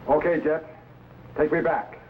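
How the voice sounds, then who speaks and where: An actor playing a calm, commanding time-traveling scientist captain in a 1950s science fiction serial, speaking with measured authority. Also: male voice, on the high side, noisy background, lightly acted. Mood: measured, reflective. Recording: dull, muffled vintage serial soundtrack.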